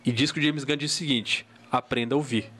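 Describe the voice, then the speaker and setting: Fast-talking podcast host. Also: male voice, medium pitch. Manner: fast, animated retelling of anecdotes. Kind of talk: casual podcast chat.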